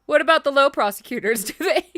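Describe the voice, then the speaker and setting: A woman streaming a game with casual, expressive, giggly and sweary live commentary. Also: high-pitched, fast, no echo, clean studio sound.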